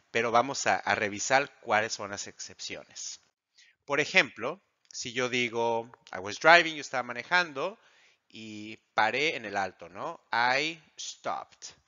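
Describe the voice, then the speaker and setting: A man teaching an English grammar lesson, explaining slowly and asking the class questions that he then answers himself. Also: medium pitch, pushed and bright. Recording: dull lo-fi audio.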